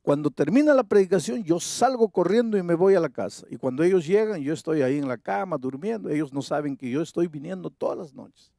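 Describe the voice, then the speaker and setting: A male preacher lowers his voice into a tearful old man of about eighty, soft and halting as he confesses. The sound is dry and close, with hardly any room around it. The words come slowly and hesitantly. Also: animated, vocal fry, no echo. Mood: confiding.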